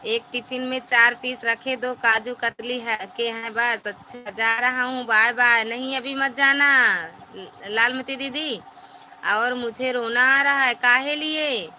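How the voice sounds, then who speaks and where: A woman's voice: on the high side, steady tone, takes it slowly, bright, forceful tone, a little hiss or hum. A woman, hosting a live stream and chattily reading out and thanking viewers' comments by name.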